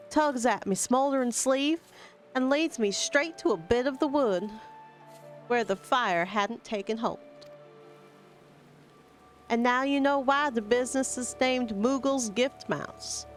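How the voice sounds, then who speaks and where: A woman reading game dialogue aloud, voicing a hearty, rough-spoken forest worker with an earthy dialect and rough exclamations. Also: on the high side, unhurried, soft background music, lightly acted. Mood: storytelling. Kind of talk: reading video game dialogue in character voices.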